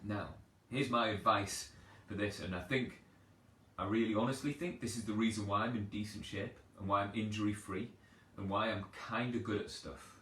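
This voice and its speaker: A personal trainer talks from his sofa at home during a casual live Q&A, offering rambling, chatty, self-deprecating advice. His lowish voice holds a steady tone at a moderate pace and sounds pushed and bright. The room is echoey, he sits distant from the mic, and faint background noise is present.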